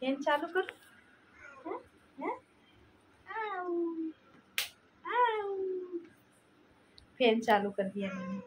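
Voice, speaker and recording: High-voiced woman softly coaxing a pet. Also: big pitch swings, extremely slow, long pauses, slight background noise, rough recording. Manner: soft, repetitive coaxing. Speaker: vlogger talking to her cat. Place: home indoors.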